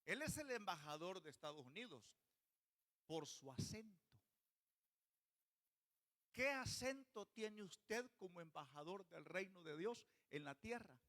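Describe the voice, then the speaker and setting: A high, bright male voice delivers a church sermon. He keeps questioning the congregation as he preaches. His tone is sharp and forward. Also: expressive, a little slow, pauses often. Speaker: pastor.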